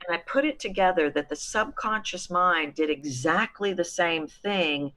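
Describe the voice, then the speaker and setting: A middle-aged woman from Texas, a voice coach, explaining her methods in an interview with an animated, emphatic manner. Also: fairly low pitch, moderate pace. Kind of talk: expert guest in an interview.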